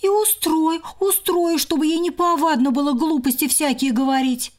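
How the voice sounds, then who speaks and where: A woman's voice: high voice, steady tone, normal speed, voice pushed up, lightly acted. A woman voicing an indignant young female squirrel who squeals shrilly in a quarrel.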